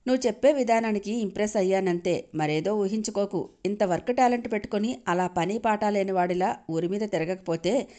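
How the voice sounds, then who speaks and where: A woman voicing a sharp-tongued young wife who scolds and snaps back in an audio story. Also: mid-range voice, natural voice. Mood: sharp, scolding. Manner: scolding, quick comebacks.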